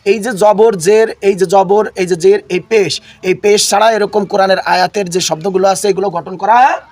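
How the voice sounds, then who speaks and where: A high-pitched man teaches a Quran reading class while feeling unwell, with a cough in his voice. He drills his listeners in call and response, repeating each key term until they echo it back. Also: steady tone, normal speed, a little mellow.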